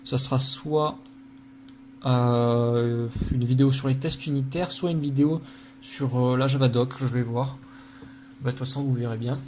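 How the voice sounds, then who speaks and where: A man's voice: medium pitch, steady tone, normal speed, a little mellow, slight background noise. A man giving a casual coding lesson while working at his computer, thinking aloud with lots of fillers and joking at his own slips. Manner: thinks aloud with many fillers, self-deprecating. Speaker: programming tutor.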